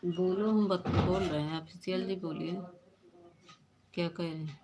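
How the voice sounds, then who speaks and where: A woman's voice: on the low side, steady tone, unhurried, very noisy. A woman hosting a live stream, chatting casually and answering her viewers' comments as she talks back to them.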